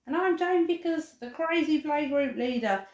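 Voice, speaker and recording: A woman's voice: sits high, expressive, normal speed, darkish tone, echoey room, highs cut off. A woman in her forties, a playgroup leader, showing a children's craft and reading a storybook aloud in a playful, giggly way.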